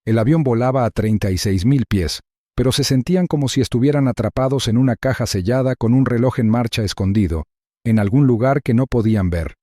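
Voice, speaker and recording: Male narrator, mid pitch, mellow and dry, measured suspense reading. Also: no room sound. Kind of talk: scripted narration.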